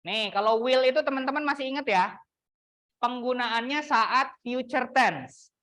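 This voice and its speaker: A young woman teaching an English class in a classroom, chatty and teasing, slowing down to model example sentences. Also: high-pitched, fairly bright tone. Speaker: university English lecturer. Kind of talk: classroom lecture.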